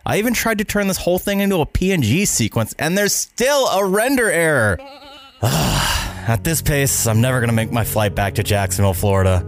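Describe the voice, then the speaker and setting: A man playing a frazzled young male video editor, prone to yelping, excitable outbursts. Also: on the low side, a little fast, vocal fry, few pauses, faint music behind, pitched below the performer's own voice. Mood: frustrated.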